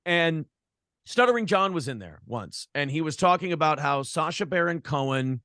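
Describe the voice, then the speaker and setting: A Minnesota man who hosts a podcast and a morning show sits in as a guest, telling meandering, crude, straightforward stories in casual chat. His slightly high voice is bright, forceful, clear and resonant, with lively intonation at normal speed. The audio is clean studio sound with no room sound.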